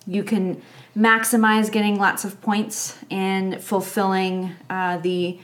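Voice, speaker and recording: A woman's voice: mid-range voice, flat delivery, slow pace, a bit bright. A woman co-hosting a board game podcast, explaining game mechanics steadily with fillers. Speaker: podcast co-host. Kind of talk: casual board game chat.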